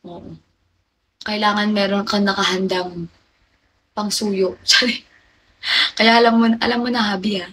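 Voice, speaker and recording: A woman's voice: medium pitch, steady tone, unhurried, pauses often, fairly bright tone, slight background noise, low-quality recording. A young woman hosting a livestream, chatting and confiding to her viewers and answering their comments by name. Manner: chatty, confiding, reads out viewer names and replies to them. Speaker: livestream host. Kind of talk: casual livestream chat with viewers.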